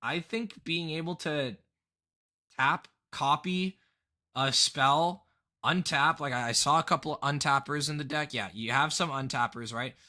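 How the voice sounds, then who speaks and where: A man casually talking through viewer-submitted card decks on a live stream, rambling and excitable, with plenty of fillers and restarts. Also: a little high, unhurried. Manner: rambling and excitable, full of fillers and self-corrections.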